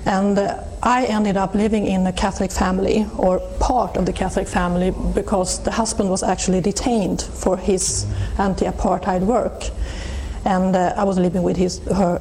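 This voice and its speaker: A middle-aged woman with a Swedish accent recalls her past in a thoughtful, unhurried way, often restarting her sentences. Her voice sounds warm and mellow, at an ordinary pitch. A faint hiss sits under the recording. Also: low-quality recording. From Sweden. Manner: thoughtful, with frequent restarts and soft laughs. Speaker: interview guest. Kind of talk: reflective personal testimony.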